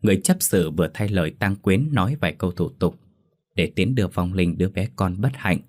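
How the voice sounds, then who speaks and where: A man tells a horror story in a slow, solemn reading. His voice sits very low and stays even. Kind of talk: scripted horror story narration.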